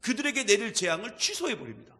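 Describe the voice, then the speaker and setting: A male pastor preaching a sermon with emphatic delivery, dropping to quiet asides and rising to shouts. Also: high voice, huge pitch swings, fast talker, long reverb tail. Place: church sanctuary.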